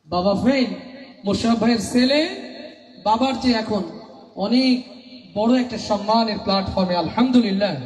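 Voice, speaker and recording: A fervent young man in his twenties, a singer from Bangladesh, speaks to a night-time religious gathering in a high voice. He declaims with rhetorical force and calls on the crowd to shout back. His words ring through a handheld mic and PA, with a long, roomy reverb trailing behind. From Satkhira, Bangladesh. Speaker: ghazal singer. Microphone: handheld microphone through a PA. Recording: echoey PA sound with long reverb.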